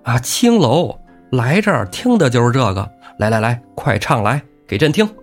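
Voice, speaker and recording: A man voicing a jovial, pleasure-loving old emperor in a storytelling show, with an excitable, playful manner. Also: moderate pace, faint music behind. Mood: amused. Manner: high-pitched, excitable and playful.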